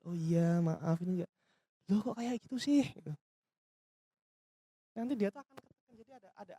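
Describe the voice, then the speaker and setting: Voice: medium pitch, no room sound, studio quality. A business trainer giving a casual seminar talk, asking and answering their own questions and acting out customer dialogues. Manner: lively, acts out customer dialogues in quick voices; addresses audience directly, asks and answers own questions.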